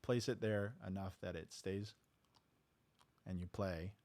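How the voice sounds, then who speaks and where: In his home music studio, a man teaches a talk box technique in a relaxed, casual tutorial, going step by step and tossing in "right?" along the way. His voice is low-pitched and a little slow, and the recording is very noisy.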